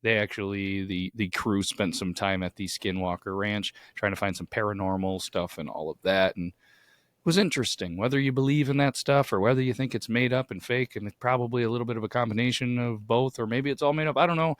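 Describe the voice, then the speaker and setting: A man with a hoarse, grating voice from too much yelling, chatting casually as a podcast co-host. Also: fairly low pitch, a little fast, dry recording.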